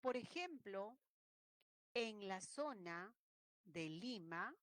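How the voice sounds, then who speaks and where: A woman's voice: medium pitch, animated, very slow, fairly bright tone, no room sound. A woman teaching an online language lesson, explaining points and acting out regional ways of speaking. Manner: explanatory, acts out regional speech examples.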